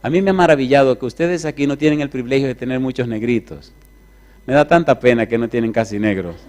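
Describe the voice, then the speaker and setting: Male preacher, sermon storyteller, mid-pitched voice, animated and drawn-out.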